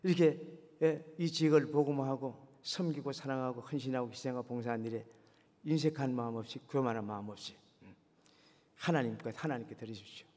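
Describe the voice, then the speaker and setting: A man preaches a sermon, earnestly exhorting his congregation and firing rhetorical questions at them. His voice is medium-pitched, fairly quick, and darkish in tone, captured in a long, reverberant hall.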